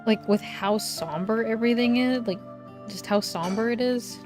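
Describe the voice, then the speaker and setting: A woman's voice: fairly high pitch, moderate pace. A woman playing a story game, reading its text aloud and adding casual, slangy commentary over game music. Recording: music behind the voice.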